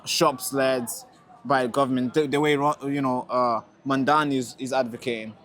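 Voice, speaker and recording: A young man from Tanzania argues with a passerby on the street in a steady, mid-range voice with a fairly bright tone and moderate pace. He works as a street interviewer and rally speaker, pressing his point and repeating words to drive it home.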